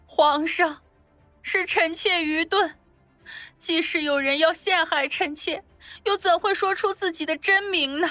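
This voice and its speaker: An actress voicing a young imperial consort who is wronged and pleads in tears, in a palace audio drama. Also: female voice, very high voice, measured pace, pushed and bright, no room sound, soft background music, exaggerated voice. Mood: pleading. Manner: pleading, tearful. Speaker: voice actor.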